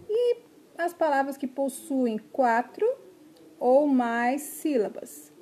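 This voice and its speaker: Slow, mellow-voiced woman teacher. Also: on the high side. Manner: slow, spells out syllables, checks in with "tá?". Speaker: primary school teacher. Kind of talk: remote video lesson for children.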